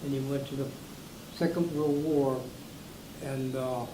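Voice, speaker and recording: A man in his seventies from New Mexico, recalling his family's mining past in a halting way with many restarts. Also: mid-range voice, fairly even intonation. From Raton, New Mexico, US. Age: 70s. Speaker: interviewee. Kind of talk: casual recollection. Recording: echoey room with background noise.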